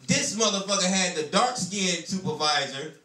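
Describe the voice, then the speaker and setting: In a small comedy club, a Detroit, USA comedian in his thirties spins a loose, profane story and keeps saying "you know what I'm saying." He speaks at normal speed in a high-pitched, bright, forceful voice with lively intonation, heard from a distance in roomy club sound with crowd noise.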